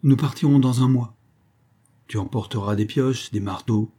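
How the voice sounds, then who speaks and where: A man's voice: mid-range voice, moderate pace, mellow, breathy edge, lightly acted. A man voicing an earnest, fearful young Indian man who pleads fervently in a spoken storybook.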